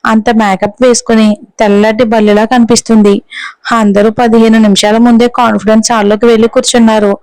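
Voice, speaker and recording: A woman narrating a romance audio story with a smooth, clear voice, pitched a little high and kept fairly level. The recording is dry and close to the mic. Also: a little fast, dry recording, poor audio. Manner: steady storytelling. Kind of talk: scripted narration.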